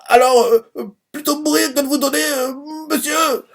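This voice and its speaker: A man's voice: steady tone, normal speed, gravelly. A man voicing a timid young boy from a manga who stammers and sounds close to tears. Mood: scared, tearful. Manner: stammering, high and shaky.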